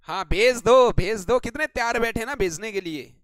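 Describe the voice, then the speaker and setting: A man's voice: high voice, normal speed, fairly bright tone, dry recording, poor audio. A man teaching English grammar in a live online class, playfully teasing and drilling students by name.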